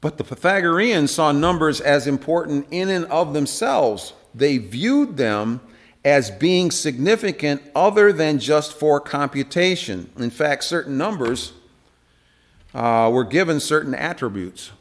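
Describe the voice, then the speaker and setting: A man's voice: fairly high pitch, expressive, measured pace. Chatty man teaching a church Bible class. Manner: conversational, many fillers, asks the room questions. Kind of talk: informal Bible study lesson. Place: church meeting room.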